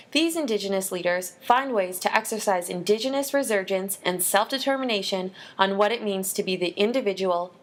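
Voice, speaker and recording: Female narrator, scripted documentary read, measured and formal delivery. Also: medium pitch.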